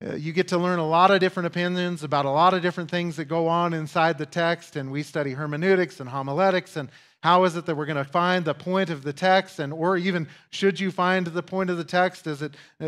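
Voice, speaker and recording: A man's voice: high-pitched, steady tone, brisk, a bit bright. A male pastor giving a conversational teaching sermon, with asides and emphatic repetition.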